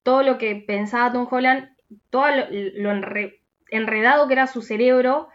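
A woman with a Rioplatense Spanish accent, co-hosting a podcast in casual chat. She rambles, restarts her sentences and trails off into soft asides. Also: a little high, moderate pace, highs cut off, slight background noise. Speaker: podcast co-host.

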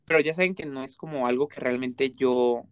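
A man's voice: medium pitch, steady tone, brisk, clear, resonant tone, no room sound, clean studio sound. A man with a Mexican accent in casual conversation, talking earnestly and explaining his views at length with many examples. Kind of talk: casual chat.

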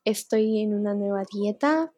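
A woman's voice: medium pitch, unhurried, mellow. A young woman talking candidly and emotionally in an unscripted personal vlog, sometimes close to tears. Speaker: vlogger.

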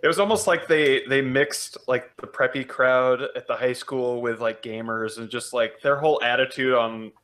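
A man's voice: mid-range voice, normal speed, few pauses, fairly bright tone. A man co-hosting a podcast, chatting casually and telling stories with laughter and animation. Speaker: podcast co-host. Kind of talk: casual chat.

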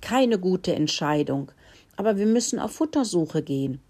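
A woman voicing a sensible young female mouse who scolds in a squeaky voice. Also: big pitch swings, normal speed, warm tone. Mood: earnest.

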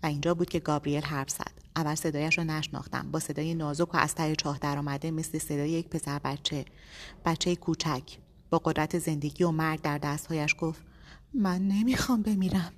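Woman narrator, low voice, steady measured reading, long hall reverb. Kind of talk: audiobook narration.

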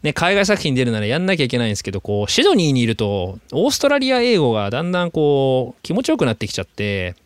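A man's voice: medium pitch, smooth, dry recording. Guy rambling on his podcast, voice bouncing all over, dry close sound. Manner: chatty, animated, drawn-out fillers. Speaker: podcast host. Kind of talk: casual podcast monologue. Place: lives in Sydney.

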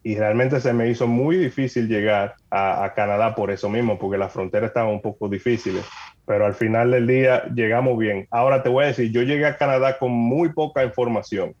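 A man from the Dominican Republic with a Dominican accent, a podcast guest telling lively stories, acting out quoted dialogue and laughing often. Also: medium pitch, brisk, highs cut off. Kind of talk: lively storytelling in a casual chat.

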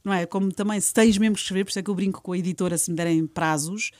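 A woman's voice: lowish voice, rapid-fire, dry recording, clean studio sound. A Portuguese woman in her thirties, a podcast guest, chatting casually in a European Portuguese accent and acting out the lines she quotes. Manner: animated storyteller, acts out quoted lines. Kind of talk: casual chat.

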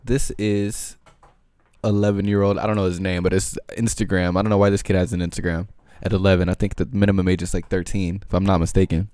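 Low-voiced man hosting a casual podcast. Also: level tone, fast, darkish tone, no room sound, studio quality. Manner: loose, rambling, slangy talk full of "like". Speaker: podcast host. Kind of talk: casual solo podcast chat.

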